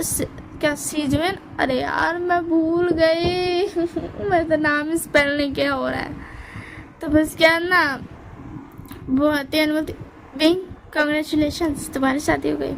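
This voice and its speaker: Chatty lady retelling a story, high voice, keeps fixing names. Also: fairly bright tone, slight background noise, low-quality recording. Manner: chatty, self-correcting. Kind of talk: casual retelling of a fan story.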